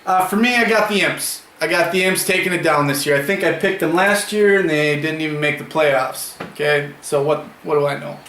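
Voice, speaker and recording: Young male co-host, teasing and sarcastic, fairly high voice, echoey room with faint noise. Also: a little fast, few pauses, pushed and bright. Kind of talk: casual fantasy football chat.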